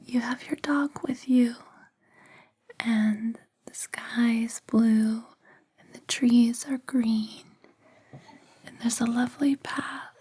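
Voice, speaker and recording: Female ASMR host, soft breathy whisper throughout, unhurried and very level in tone. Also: fairly high pitch. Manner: slow, gentle, deliberate phrasing.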